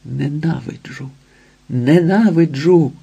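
A man voicing an obsessed, desperate young man in an audiobook, his own husky voice raised in anger or dropped to a plea. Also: medium pitch, animated, slow, darkish tone, dull audio, exaggerated voice. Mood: furious. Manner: desperate, pleading.

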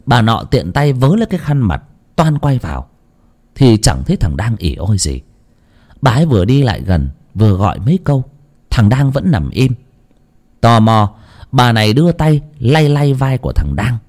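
A man's voice: mid-range voice, sing-song, moderate pace, darkish tone. A man narrating a ghost story in a dramatic storytelling manner.

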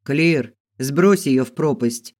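Man voicing a gruff rough bandit, blunt orders, slow heavy reading, audiobook. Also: medium pitch, animated.

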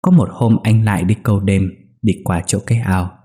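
A man narrating a ghost story in a steady, measured way. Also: on the low side.

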